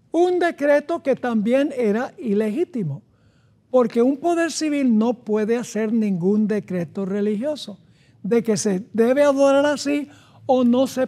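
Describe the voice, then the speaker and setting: A man delivers a sermon at an unhurried, measured pace. He reads scripture passages aloud, pausing to explain them and to ask his listeners questions. His voice is soft and dark. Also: very high-pitched. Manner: reads scripture aloud and pauses to comment, asks the audience questions. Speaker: pastor. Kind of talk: sermon with Bible reading.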